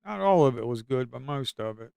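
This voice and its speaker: A man's voice: medium pitch, expressive, a little fast, vocal fry, darkish tone, smooth, no echo, studio quality. Folksy Appalachian man telling rambling stories. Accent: Southern US, Appalachian. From Blue Ridge Mountains, US. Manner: rambling storyteller, folksy and crude, bursts into hollers. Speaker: trading streamer. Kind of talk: casual live-stream chat.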